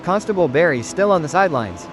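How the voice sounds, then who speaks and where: A brisk racing commentator. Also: male voice, fairly high pitch, noisy background. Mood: matter-of-fact. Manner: steady play-by-play updates. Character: male motorsport lead commentator, brisk and measured. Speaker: lead commentator. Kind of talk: scripted race commentary. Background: game music.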